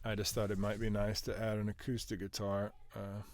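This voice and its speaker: A man's voice: on the low side, completely flat delivery, fairly quick, darkish tone, slight background noise. A man casually walking through how he produced a song, rambling with lots of filler words and restarts. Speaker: music producer.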